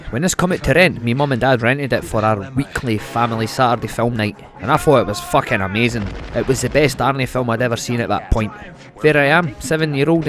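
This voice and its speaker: A man in his thirties with a broad Scottish accent, telling stories casually in sweary, colloquial speech. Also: mid-range voice. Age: 30s. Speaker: video reviewer and vlogger. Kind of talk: casual anecdote and film chat.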